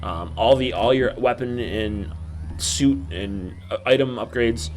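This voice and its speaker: A man's voice: medium pitch, unhurried, faint music behind. A man hosting a video game playthrough with casual, jokey and self-deprecating commentary.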